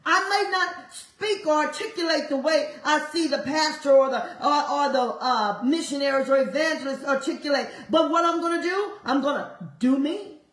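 A woman preaching a sermon, urging listeners with fervent, repetitive exhortation and sudden leaps in pitch. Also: moderate pace, hardly any pauses, a bit bright, roomy sound, low-quality recording.

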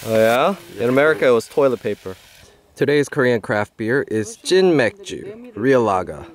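A man's voice: mid-range voice, animated, normal speed. A man in his thirties narrating a casual travel vlog outdoors, upbeat and chatty, often laughing. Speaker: travel vlogger. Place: outdoors at a lakeside campsite and roadside.

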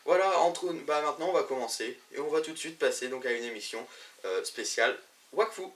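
A man's voice: on the high side, fairly quick, a bit bright, recorded from a distance. A man hosting a web show about games, presenting news to camera in a chatty way, with many fillers and restarts.

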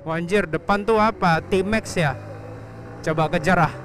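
Young guy motovlogging on his bike, a bit high voiced, chatty, faint wind and traffic behind. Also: a little slow, a bit bright. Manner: chatty, laughs often, talks about himself in third person. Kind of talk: casual riding commentary. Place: on a motorcycle on an open road outdoors.

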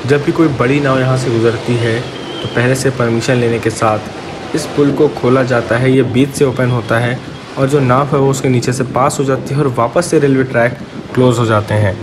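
A man vlogs a train journey, narrating casually and warmly to his viewers from aboard a moving train. His mid-range voice has fairly even intonation at normal speed. Train and wind noise can be heard behind him.

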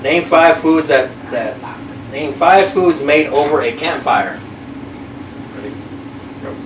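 A man's voice: fairly high pitch, takes it slowly. A middle-aged man bantering casually in a challenge game, sweary and grumbling. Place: small curtained room indoors. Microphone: camera a few feet away. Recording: echoey room, distant mic, noisy hum.

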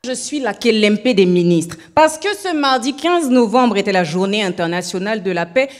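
A woman's voice: mid-range voice, animated. Playful theatrical woman from Cameroon. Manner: playful, theatrical, slow emphatic delivery. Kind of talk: comic speech to a minister on a TV show.

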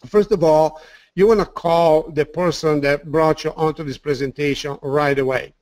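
Italian-accented man pitching on a webinar. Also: steady tone, moderate pace, darkish tone, no echo. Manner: enthusiastic, repeats words, many fillers. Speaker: webinar presenter. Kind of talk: sales presentation webinar.

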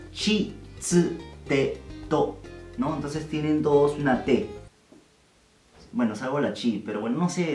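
A man from Peru, giving a casual video lesson in an irreverent, slangy way and drilling syllables slowly. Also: medium pitch, a little mellow, distant mic. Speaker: language teacher. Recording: roomy, off-mic sound with faint music.

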